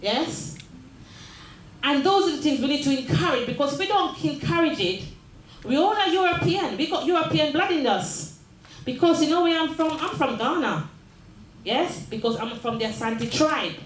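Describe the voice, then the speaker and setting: An animated, high-pitched voice at a moderate pace belongs to an older woman from Jamaica who is mayor, earnestly speaking to her community in a large room at the mayor's office. She often repeats phrases and asks the audience "yes?", with a little hiss or hum and an echoey room with faint ambience.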